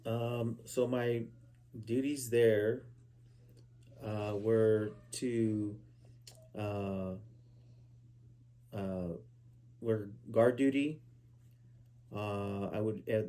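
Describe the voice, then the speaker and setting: A man in his forties from Southern California, a veteran answering oral history questions at a relative's house, halting with many fillers and restarts. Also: on the low side, steady tone, dark tone. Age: 40s. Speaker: interviewee, Army veteran. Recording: poor quality home recording.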